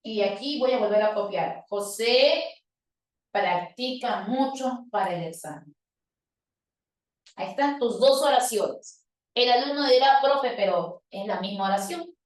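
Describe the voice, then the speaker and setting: Woman teacher, patient, explains grammar, fairly high voice, distant mic, echoey classroom sound. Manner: patient, addresses students directly, acts out student questions. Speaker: language teacher.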